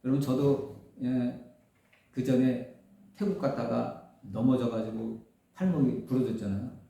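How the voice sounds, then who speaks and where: A man's voice: mid-range voice, steady tone, measured pace, creaky, warm tone. A middle-aged man preaching a sermon as pastor, earnestly retelling scripture with acted quotes. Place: church sanctuary. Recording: roomy echo from a distant mic.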